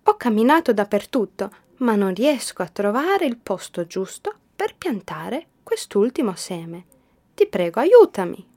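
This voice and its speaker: A woman voicing a kind, hopeful girl who plants magic seeds, in a storybook reading with bright, eager lines. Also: mid-range voice, sing-song, unhurried. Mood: pleading.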